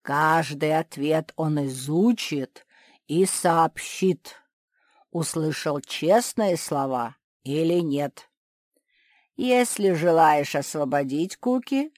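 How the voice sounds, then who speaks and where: A woman voicing a scheming old male ant who speaks in slow, coaxing, drawn-out phrases. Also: low voice, a little mellow, no room sound, clean studio sound.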